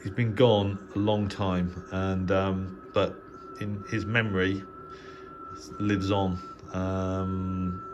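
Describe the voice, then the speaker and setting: In a low, flat voice, a middle-aged English hobby host takes his time narrating an off-the-cuff tour of his radio shack, a small spare bedroom indoors. He's into shortwave radio and runs a channel, and his delivery is halting and meandering. The recording sounds muffled and clearly noisy.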